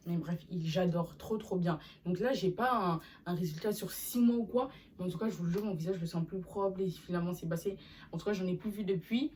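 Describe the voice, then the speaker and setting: A woman's voice: on the low side, fairly quick, far from the mic, a little hiss or hum. Chatty young woman vlogging, slightly off-mic. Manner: chatty and animated, with slangy asides. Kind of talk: casual haul video chat.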